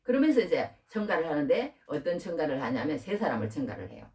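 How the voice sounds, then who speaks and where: A middle-aged woman preaching a sermon, asking the listeners rhetorical questions in an informal, lively way. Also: low voice, quick pace. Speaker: pastor. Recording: distant from the mic.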